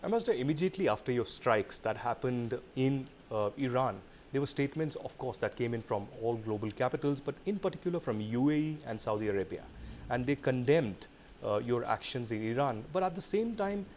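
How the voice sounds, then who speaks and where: A man's voice: medium pitch, animated, fairly quick, darkish tone, slight background noise. A man hosting a formal news interview, putting long, pointed questions with an emphatic build-up. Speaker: news interviewer, show host.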